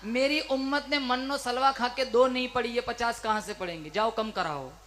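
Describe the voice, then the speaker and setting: A preacher voicing an earnest ancient prophet. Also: male voice, extremely high pitch, normal speed, sharp tone. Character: revered ancient male prophet, earnest and pleading.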